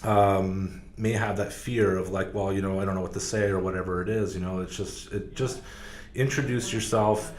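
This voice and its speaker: A car salesman appears as a podcast guest, chatting casually in an interview and rambling with plenty of fillers and restarts. His voice sits low, with fairly even intonation and a moderate pace. The room is echoey, with faint noise in the background.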